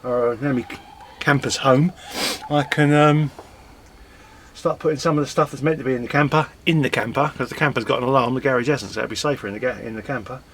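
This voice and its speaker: A man's voice: mid-range voice, a little fast, a little hiss or hum. A man chatting casually and mocking himself as he strips old computer parts for scrap in his garage. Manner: chatty, self-mocking, muttering while working. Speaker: scrapping vlogger. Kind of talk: casual chat while working.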